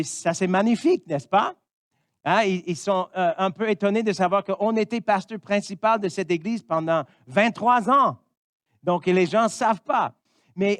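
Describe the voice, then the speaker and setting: High-voiced pastor preaching. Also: male voice, clean tone, dry recording. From Missouri, United States. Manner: earnest, punctuates with "amen". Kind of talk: sermon.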